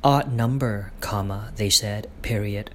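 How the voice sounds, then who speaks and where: A man dictating his own prose aloud, speaking every punctuation mark in a deliberate, halting way. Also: on the low side, fairly bright tone, slight background noise. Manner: slow, deliberate dictation with pauses.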